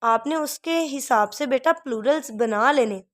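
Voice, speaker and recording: A woman teacher giving a recorded English lesson, patiently drilling word endings by repeating each word slowly. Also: high voice. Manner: patient, calls the learner "beta", drills words by repeating them slowly.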